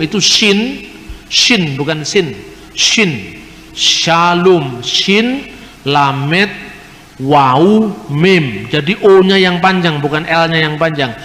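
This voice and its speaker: Man explaining scripture, kinda high voice, big echoey hall, faint hiss. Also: fairly bright tone. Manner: explanatory, mimics regional pronunciations. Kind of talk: lecture.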